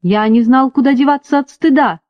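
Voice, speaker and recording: A woman's voice: sits high, a little fast, muffled recording, voice pushed up, close to an everyday voice. A woman reading the lines of a worried young male narrator who keeps pressing his friend with questions. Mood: anxious.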